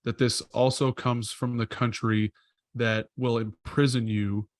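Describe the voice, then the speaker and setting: Podcast co-host, male, mid-pitched, meandering talker, dead-dry close-miked sound. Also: flat delivery, unhurried, no room sound. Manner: rambling, thinks aloud with frequent self-corrections. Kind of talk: casual podcast chat.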